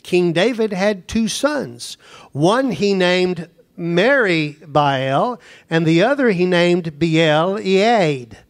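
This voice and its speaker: Pastor guy preaching, high voice, chatty, slows way down to hit words. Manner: conversational preaching, speeds up and slows down for emphasis. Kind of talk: sermon.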